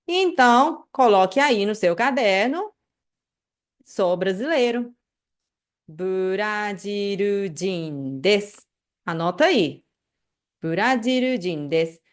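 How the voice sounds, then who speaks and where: A woman with a Brazilian Portuguese accent teaching an online language lesson, patiently repeating phrases slowly and checking in with the listener. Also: mid-range voice, expressive.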